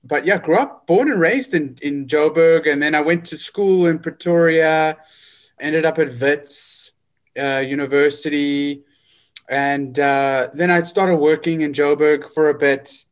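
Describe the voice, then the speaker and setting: Guest type: forty-year-old man, slightly high voice, hesitant and full of fillers. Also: unhurried. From South Africa. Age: 40s. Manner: hesitant, many fillers and restarts. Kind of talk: casual interview.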